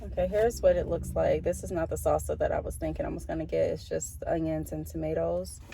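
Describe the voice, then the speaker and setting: A woman's voice: sits low, little pitch movement, fairly quick, dark tone. A woman chatting casually to viewers as a food vlogger, recorded inside a car. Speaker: vlogger ordering and presenting fast food. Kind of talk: casual vlog chat. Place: inside a car at a drive-through and parking lot. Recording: clear car and vehicle noise. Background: car and vehicle sounds.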